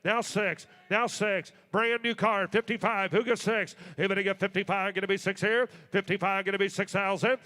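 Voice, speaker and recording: A man working as an auctioneer, calling bids in a rapid, repetitive, rolling live chant. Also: high voice, steady tone, bright, forceful tone. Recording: long hall reverb.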